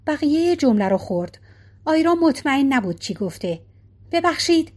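A woman reading a novel aloud as audiobook narrator, in a calm, even storytelling manner. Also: high voice.

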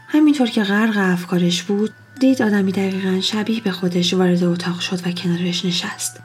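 Hushed woman narrating eerie stories. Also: medium pitch. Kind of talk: storytelling narration.

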